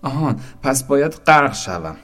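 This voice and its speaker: A man voicing a small, naive wooden boat in a storybook, full of excited, eager questions. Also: medium pitch, voice pushed up. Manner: excited, breathless questions, shouting. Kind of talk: storybook narration.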